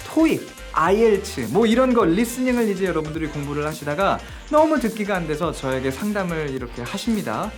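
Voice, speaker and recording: Lively English teacher explaining to viewers. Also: medium pitch. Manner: explains step by step, poses questions to viewers. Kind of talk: video English lesson.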